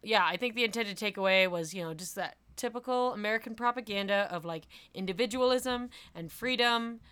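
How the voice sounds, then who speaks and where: A woman's voice: medium pitch, a little fast, a bit bright, clear, resonant tone. A young woman co-hosting a casual book podcast, blunt and sarcastic, swearing freely. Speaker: podcast co-host. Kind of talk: casual book-club chat. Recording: remote call audio.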